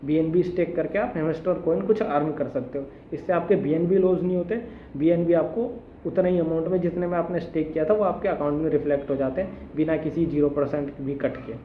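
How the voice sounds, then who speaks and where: A young man with a high voice walks viewers through a casual step-by-step tutorial, dropping English tech terms as he goes. The sound is roomy and echoey, with a slightly dull, muffled tone and faint room hum behind him. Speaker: crypto tutorial host. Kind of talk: casual screen-recorded tutorial.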